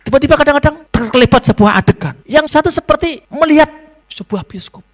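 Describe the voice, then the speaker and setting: A man gives a university lecture to students in a lively storytelling way, slipping into phrases. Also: extremely high pitch, a little fast. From Indonesia. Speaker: novelist giving a guest lecture. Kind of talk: public lecture.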